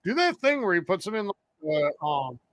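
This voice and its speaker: A man's voice: high-pitched, huge pitch swings, brisk, fairly bright tone. A man co-hosting a casual watch-along chat, talking loosely and trailing off into fillers. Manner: chatty, trails off mid-sentence with fillers. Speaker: co-host of a wrestling watch-along.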